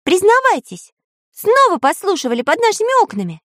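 A woman voicing Karandash, a fussy boyish pencil character, in a very high squeaky voice for a storybook reading. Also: normal speed, no room sound, studio quality. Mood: suspicious.

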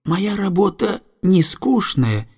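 A gruff, drunken coal carter holds forth in slow, loud, blustering speech, put on by a man reading a story aloud. His words drag along, heavy and unhurried. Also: sits high, sing-song, pitched above the performer's own voice, full character voice. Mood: rambling.

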